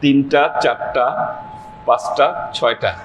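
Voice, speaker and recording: A man's voice: medium pitch, fairly even intonation. Patient man teaching pronunciation, echoey room. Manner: patient, repeats letter sounds slowly for students. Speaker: Sufi teacher leading a weekly class. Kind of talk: Quran pronunciation lesson. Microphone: livestream camera mic. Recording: echoey room with faint noise.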